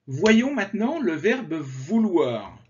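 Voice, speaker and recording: Very slow, lively-pitched French teacher man. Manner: slow, carefully articulated conjugation drills. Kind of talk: slow grammar lesson with drills. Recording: slightly dull lo-fi sound.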